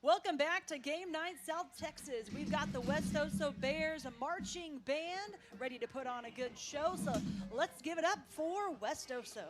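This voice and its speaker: A woman's voice: high-pitched, moderate pace, few pauses, soft background music. A woman with an American accent co-commentating and announcing on a live football broadcast.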